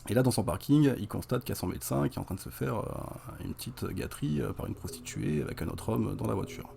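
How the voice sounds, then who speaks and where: A man's voice: on the low side, quick pace, creaky, warm tone, a little hiss or hum. A young adult man casually recapping a horror film for a review, chatty and wry, with many fillers.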